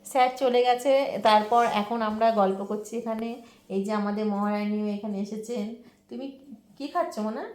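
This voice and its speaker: Chatty Bengali housewife in an echoey home. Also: female voice, on the high side, moderate pace, a little mellow. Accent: West Bengal Bengali. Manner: chatty, talks to viewers directly. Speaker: vlogger. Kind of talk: casual home vlog. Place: home kitchen and rooms. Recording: echoey room with household noise.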